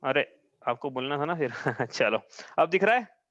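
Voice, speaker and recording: A man's voice: a little high, expressive, measured pace, a bit bright, dry recording. A man teaching an online class over a video call, explaining patiently step by step and often checking that his students follow. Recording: dull dry online-call audio.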